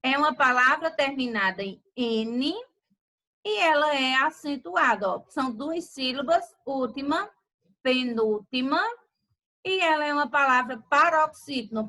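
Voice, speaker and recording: A woman teacher, slowly dictating words in a grammar lesson. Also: high voice, pushed and bright, low-quality recording. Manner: slow, deliberate word-by-word dictation.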